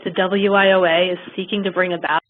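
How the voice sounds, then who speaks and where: A woman's voice: on the low side, level tone, a little fast. A woman presenting a webinar training, her speech choppy and cutting in and out on a bad connection. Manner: informal asides with laughs and fillers. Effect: choppy connection with words cutting in and out. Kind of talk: reading slides in an online training. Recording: tinny phone-line audio.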